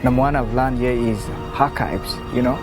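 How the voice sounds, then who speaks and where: A man's voice: mid-range voice, normal speed. A man from South Sudan speaking emphatically in an interview. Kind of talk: interview testimony. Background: music.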